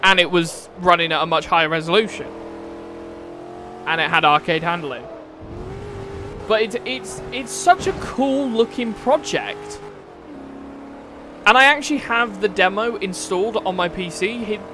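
A young British man with a fairly high voice chats through a live stream of a racing game. He talks loosely and crudely, swears and laughs at his own jokes. Car engines from the game roar loudly behind him. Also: background noise. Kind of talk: live-stream commentary while playing. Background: car engine sounds from the game.

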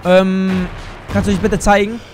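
A man giving live commentary on a shooter game, excitable, exclaiming and cursing as he plays. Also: high voice, measured pace, background noise. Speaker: gaming YouTuber. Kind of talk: live let's play commentary.

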